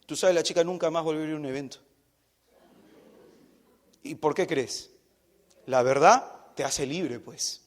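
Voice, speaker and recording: A man with a high voice preaches with animated storytelling, slipping into the voices of the people in his tales. He addresses the women before him directly and earnestly. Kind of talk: sermon.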